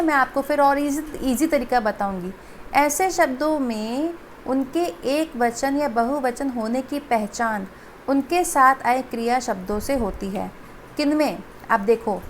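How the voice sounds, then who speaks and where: High, slow-paced woman teacher, patient with kids, slight background hiss. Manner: slow, patient explaining, addresses children directly. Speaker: school teacher. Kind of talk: Hindi grammar lesson for children.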